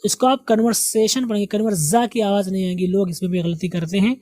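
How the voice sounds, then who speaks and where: A man teaching English vocabulary, repeating each word slowly and correcting pronunciation. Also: sits high, mellow, no room sound. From India. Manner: slow, drills each word several times.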